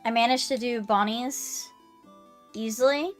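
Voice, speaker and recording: Female streamer, higher register, relaxed conversational game chat, light music underneath. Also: a little slow. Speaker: live streamer, host.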